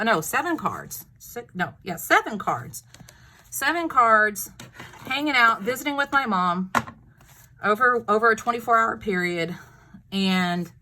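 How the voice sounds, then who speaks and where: Chatty Texan woman, bright voice. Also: mid-range voice, a little hiss or hum. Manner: chatty, rambling, many fillers and restarts. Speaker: craft vlogger. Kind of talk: casual crafting show-and-tell.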